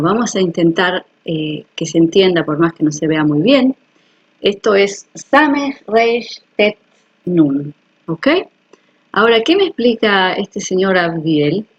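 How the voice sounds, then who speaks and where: This woman's voice is lowish, husky and expressive, and she speaks a little slowly. As a health video host, she explains things casually to viewers, earnest and personal, checking they understand. Dull audio.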